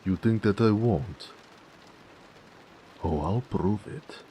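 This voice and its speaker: In a romantic audio roleplay, a man voices a devoted orc blacksmith, speaking slowly and earnestly in a deep, gravelly, dark tone. He sounds tender yet possessive and stubborn, in a mood that is playful and firm. There's slight background noise.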